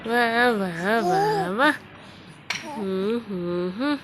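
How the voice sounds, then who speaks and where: A woman's voice: on the high side, sing-song, very slow, noisy background, heavily acted. A young woman coaxing and soothing her baby in a sing-song baby-talk voice. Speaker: mother talking to her baby.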